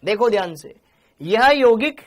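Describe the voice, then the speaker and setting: A man's voice: sits high, expressive, a little slow. A man teaching chemistry in a live online class, chatty and repetitive, calling his students beta and praising them by name. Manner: chatty, calls students beta, repeats answers.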